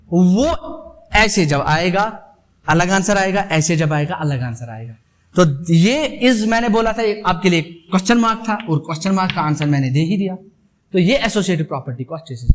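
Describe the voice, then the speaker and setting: A man's voice: high-pitched, slight background noise. A male math teacher giving a classroom lecture, addressing students as "beta", mixing Hindi and English, and repeating points with rhetorical questions.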